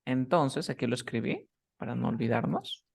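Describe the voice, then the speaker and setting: A man's voice: medium pitch, normal speed, gravelly, breathy edge. Guy teaching grammar one on one, patient, keeps asking if u got it, normal mid voice. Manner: patient, keeps checking understanding with short questions. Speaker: English teacher. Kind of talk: explaining grammar rules in a one-on-one class.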